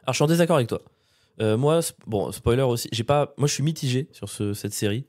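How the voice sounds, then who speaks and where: A man's voice: medium pitch, expressive, fast, darkish tone, no room sound, clean studio sound. A man co-hosting a podcast from France, chatting in a slangy, rambling, self-mocking way. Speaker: podcast co-host. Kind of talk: casual chat.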